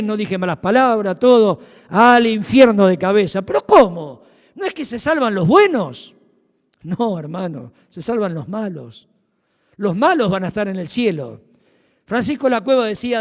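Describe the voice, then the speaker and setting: High-voiced Rioplatense preacher in a reverberant church. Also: male voice. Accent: Rioplatense Spanish. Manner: emphatic, swings from loud to hushed. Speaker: pastor. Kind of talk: sermon. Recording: long reverb of a church hall.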